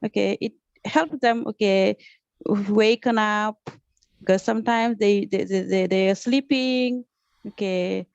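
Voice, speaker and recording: A woman's voice: medium pitch, fairly even intonation, takes it slowly, creaky, darkish tone, clean tone, dry recording, lo-fi sound. A woman from Senegal with a Senegalese accent, a teacher speaking off the cuff in a group class, hesitant, repeating words and often saying "okay". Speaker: teacher taking part in an online training. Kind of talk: unscripted comment in a group class.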